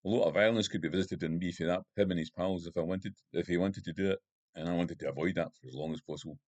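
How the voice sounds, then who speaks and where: A man with a low, deep voice reads his own first-person crime novel aloud. He narrates at a steady, measured pace. The sound is dry and close, with no room echo. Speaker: author reading his novel.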